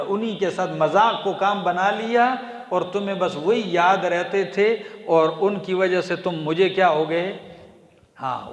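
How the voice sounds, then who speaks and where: A man from Pakistan delivers a Quran commentary sermon, his voice sitting high for a man. He chants each verse, then explains it plainly and checks in with his listeners. The sound rings with a long, roomy echo. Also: a bit bright. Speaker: preacher.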